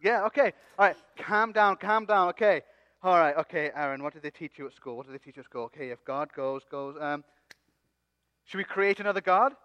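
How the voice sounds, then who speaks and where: A man's voice: fairly high pitch, a little fast, sharp tone. Aaron, a man playing a cocky joker. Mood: playful scheming. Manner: joking, coaxing the crowd. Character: Aaron, a cocky, playful male leader. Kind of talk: comic church skit acting. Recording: dull sound with long hall reverb.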